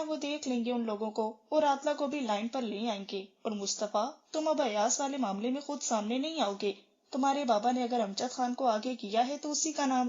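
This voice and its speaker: In a dull, lo-fi recording, a woman with a voice that sits high narrates a novel as an audiobook. She reads every character's lines in a steady storytelling manner, shifting her tone for the dialogue in this scripted reading.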